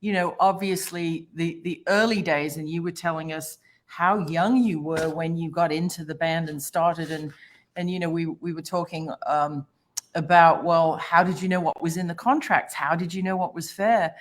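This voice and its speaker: A woman's voice: fairly low pitch, steady tone, moderate pace. A woman hosting a casual interview, asking questions in an enthusiastic way. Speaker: interview host.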